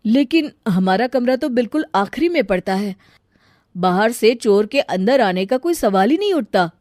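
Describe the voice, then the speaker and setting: A woman voicing a young husband who talks in a mild, reasoning way in an animated story. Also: on the high side, normal speed, dry recording, studio quality, lightly acted. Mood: calm.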